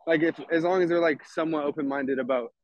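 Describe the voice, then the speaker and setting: A man's voice: fairly high pitch, steady tone, fast talker, dry recording, muffled recording. A man from Texas chatting casually, rambling and swearing freely while describing events he organizes. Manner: rambling, laid-back, swears a lot. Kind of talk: casual chat.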